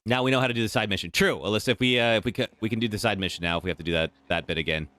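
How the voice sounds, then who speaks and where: A man's voice: on the low side, racing. A man doing casual video game commentary, thinking aloud in a laid-back way as he plays. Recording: loud game music behind.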